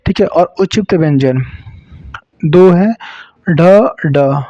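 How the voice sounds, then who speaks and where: A man's voice: on the high side, warm tone, no echo. Man teaching from Uttar Pradesh, dull audio. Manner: explains slowly, repeats sounds, adds jokes. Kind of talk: exam-prep grammar lesson. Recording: dull lo-fi dry sound.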